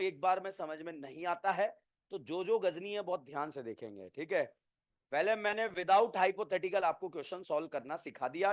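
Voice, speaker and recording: A man's voice: high voice, no echo, clean studio sound. A man teaching chemistry to a classroom, quizzing students, counting their answers and explaining with playful name mnemonics. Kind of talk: classroom lecture.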